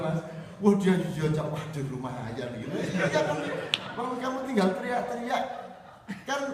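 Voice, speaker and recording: A man telling lively stories to an audience, often laughing as he talks. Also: sits high. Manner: animated, laughing storyteller slipping into Javanese. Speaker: speaker at a religious gathering. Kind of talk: storytelling talk to an audience. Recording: echoey hall recorded from far off, noisy.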